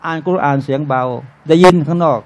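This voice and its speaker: A man with a high-pitched voice teaches a room full of listeners in a relaxed, conversational sermon. He keeps addressing them as brothers and sisters and throws rhetorical questions at them. He slips into short, jokey everyday scenes along the way. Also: fast talker. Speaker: Islamic religious teacher. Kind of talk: informal sermon to a live audience. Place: restaurant used as a talk venue.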